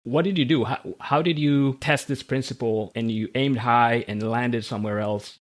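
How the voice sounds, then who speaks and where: Measured podcast host. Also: male voice, medium pitch, steady tone. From Central America. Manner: measured, read-aloud delivery. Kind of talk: scripted podcast monologue and interview.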